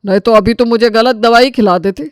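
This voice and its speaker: A woman's voice: on the high side, moderate pace, smooth, dry recording, clean studio sound, close to an everyday voice. A woman voicing a stern old father-in-law. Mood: scolding. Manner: scolding, fatherly. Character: stern older father-in-law with high blood pressure. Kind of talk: cartoon story voice acting.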